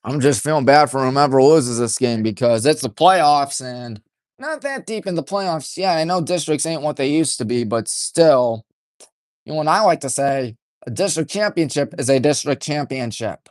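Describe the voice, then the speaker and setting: A man doing play-by-play radio commentary for a high school baseball game from a press box, folksy and partisan, keeping his voice deliberately restrained. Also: expressive, dry recording, clean studio sound. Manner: folksy, chatty, partisan toward home team; deliberately restrained, hushed delivery.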